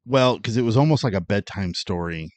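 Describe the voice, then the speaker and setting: A man co-hosting a movie podcast, chiming in with relaxed agreement and dry jokes. His voice is on the low side. The recording is dry and close-miked. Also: brisk, no echo. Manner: laid-back, agreeing, wry asides. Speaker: podcast co-host. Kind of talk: casual movie review chat.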